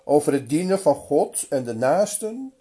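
A man's voice: fairly high pitch, normal speed, husky. A man playing old patriarch Abraham, firm and kind. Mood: firm, patient. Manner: hospitable, then calm and firm.

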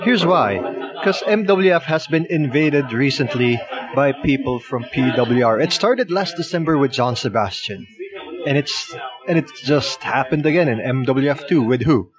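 A man's voice: mid-range voice, lively intonation, moderate pace, music in the background. A man co-hosting a casual chat, teasing and laughing often. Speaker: podcast co-host. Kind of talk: casual chat about wrestling picks.

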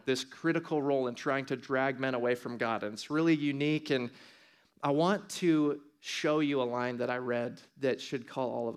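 A man preaching a sermon with urgent, impassioned exhortation, swinging between raised and softened delivery. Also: medium pitch, clear, resonant tone. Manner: impassioned, urgent exhortation rising and falling in force.

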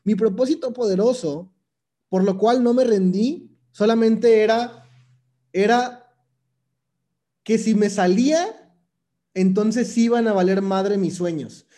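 Mellow high-voiced Mexican man, emphatic. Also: slow pace, long pauses. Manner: casual, slangy, emphatic with repetition. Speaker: motivational speaker. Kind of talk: motivational monologue.

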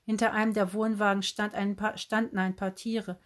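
A woman narrating an audiobook in a steady, clear storytelling manner. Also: medium pitch, moderate pace. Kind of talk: scripted narration.

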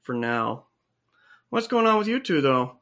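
A low, lazy drawl of a laid-back male cat who calls everyone man and dude, as a woman puts him on. The comedy sketch keeps him mellow and unbothered. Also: very animated, measured pace, exaggerated voice. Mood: dazed.

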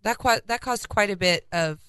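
A woman's voice: medium pitch, moderate pace, fairly bright tone, clear, resonant tone, no echo. A congested woman co-hosting a casual podcast, reading out a timeline of historical dates. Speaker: podcast co-host.

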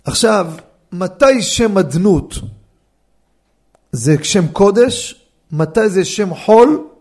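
Rabbi man lecturing in a study hall, high voice w/ a gravelly edge, keeps throwing questions at the class. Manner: animated, fires rhetorical questions at listeners. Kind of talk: Torah law lecture.

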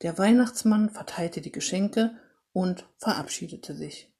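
A woman reading a Christmas story aloud in an expressive, unhurried way. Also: fairly low pitch, creaky, husky.

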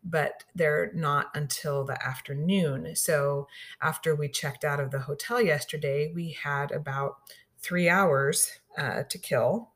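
A woman's voice: sits low, slow, a bit bright, breathy edge. A middle-aged woman from Southeast Missouri telling personal stories casually on the radio, with lots of ums and you-knows and the odd laugh. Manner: chatty, frequent ums and you-knows, laughs through lines. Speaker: radio show regular sharing stories.

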